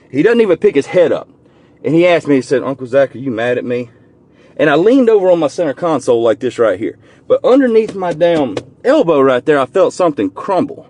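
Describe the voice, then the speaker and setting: A young man, telling a personal story in a casual, heartfelt way from inside his truck, repeating and restarting words and softening when he is moved. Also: a little high.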